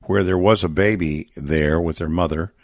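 A man's voice: low-pitched, fairly even intonation, moderate pace, no echo, clean studio sound. A middle-aged man from Texas, a charity guest on a radio interview, telling stories in an earnest, reflective way.

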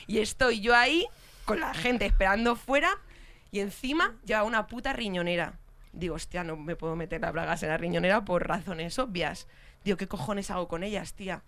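A woman with a Spain Spanish accent telling a story in casual chat, animated, swearing and laughing as she goes. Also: mid-range voice, brisk. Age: adult with a young child. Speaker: podcast co-host telling a story.

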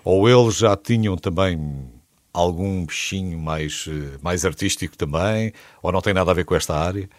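A man's voice: deep voice, normal speed, dry recording, clean studio sound. A man with a European Portuguese accent hosting a music show and chatting with a guest in a joking way. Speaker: radio show host. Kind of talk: casual interview chat.

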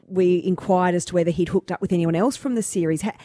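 A woman's voice: on the low side, brisk, warm tone, no room sound, studio quality. A woman hosting a casual entertainment interview, chatting as she introduces topics and asks questions. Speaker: show host interviewer.

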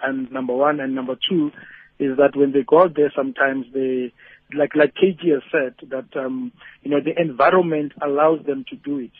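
A man calling a radio phone-in, reasoning haltingly through his opinion and repeating words as he goes. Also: medium pitch, steady tone. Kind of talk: casual reflective opinion. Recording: tinny narrow phone line.

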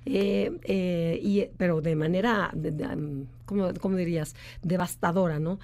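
Woman guest expert, mellow dark tone, animated explainer who acts out quotes. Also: on the low side, unhurried. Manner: acts out quoted voices, many restarts. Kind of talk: explanatory radio talk.

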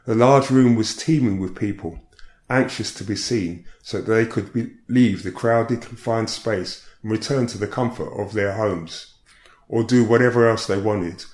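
A man hosting a podcast, reading a reflective personal story in a measured way. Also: on the low side, darkish tone. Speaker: podcast host. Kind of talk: scripted personal narration. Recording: echoey room.

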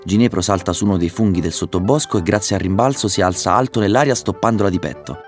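A man reading a children's story aloud, narrating with a lively delivery and excited voices for the dialogue. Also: sits low, fast talker, soft background music.

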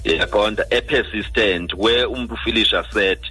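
Husky South African man explaining on radio. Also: lowish voice, normal speed, pushed and bright, soft background music. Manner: checks understanding with frequent tag questions. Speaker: doctor, guest expert.

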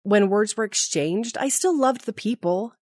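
A woman's voice: medium pitch, moderate pace, no room sound, clean studio sound. A woman in her forties, a podcast guest telling stories in casual chat, laughing at herself. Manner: animated, self-mocking storyteller who laughs at herself.

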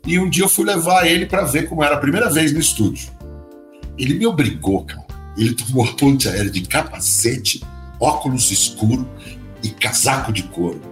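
A man's voice: mid-range voice, moderate pace, roomy sound, soft background music. An older Brazilian actor telling personal stories as a podcast guest, acting out the people he quotes. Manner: warm storytelling, acts out quoted voices. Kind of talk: casual interview chat.

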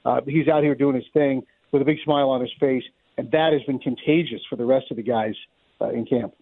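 This baseball announcer has a mid-range voice with fairly even intonation and a brisk pace. Interviewed about sports, he analyzes conversationally, using a lot of words and repeating some as he thinks aloud. The recording is dry and thin, like a phone line.

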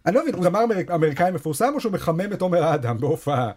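A man's voice: high voice, expressive, a little mellow, soft background music. A man with an Israeli accent chatting casually as a podcast co-host, sarcastic and joking. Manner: sarcastic, bantering. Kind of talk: casual comedic chat.

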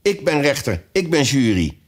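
A man's voice: mid-range voice, very animated, moderate pace, pitched above the performer's own voice, close to an everyday voice. A man reading a storybook aloud, voicing a pompous, threatening dog who plays judge and jury. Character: menacing, self-appointed judge dog.

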